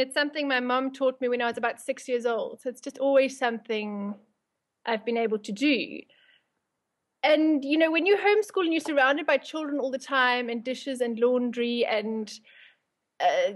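A woman with a South African accent, chatting casually as an interview guest. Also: sits high.

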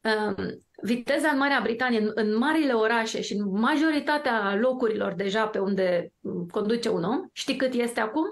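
A woman's voice: on the high side, hardly any pauses. A woman from Romania, a guest on a talk show, telling her own story emphatically and with full self-assurance. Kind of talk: casual talk-show discussion.

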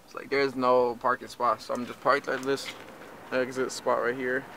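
Chatty man vlogging from his car. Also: mid-range voice. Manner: animated, talks fast in bursts. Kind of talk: casual vlog chat. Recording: noisy car vlog.

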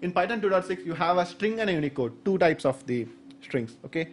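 His voice is high, his intonation lively and his speech fairly quick: a man in his thirties with an Indian accent, natively speaking Saurashtra, presenting a technical conference talk full of fillers and hesitant explanations. He uses a podium stand microphone in a medium indoor conference room.

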